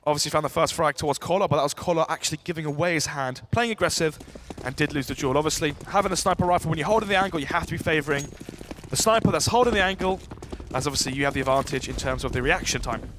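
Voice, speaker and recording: A man giving live esports caster commentary, running through each round in a brisk, clipped analytical way. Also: on the high side. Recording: faint game noise behind voice.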